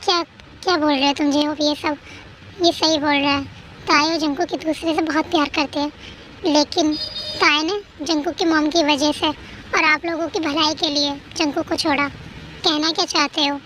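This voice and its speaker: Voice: sits high, flat delivery, moderate pace, pushed and bright, slight background noise. A storyteller reading a dramatic fan story aloud and acting out every character's lines with pleading emotion. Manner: acts out each character's dialogue with pleading emotion.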